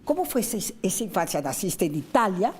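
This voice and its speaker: A woman's voice: medium pitch, sing-song, brisk, slight background noise. A middle-aged woman with a Mexican Spanish accent hosting a TV interview, chatty and leading the guest with questions. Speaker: TV host.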